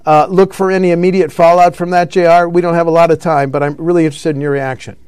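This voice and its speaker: Male political talk host, bit high-pitched and crisp, dry studio sound, stops and corrects himself. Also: little pitch movement, quick pace, darkish tone, no echo. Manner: reads news items with frequent fillers and self-corrections. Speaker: radio show host.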